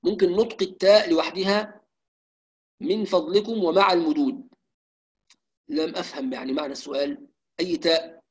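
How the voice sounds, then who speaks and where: A man teaching Quran recitation in a live lesson, explaining rules and reciting drawn-out examples. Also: fairly high pitch, low-quality recording.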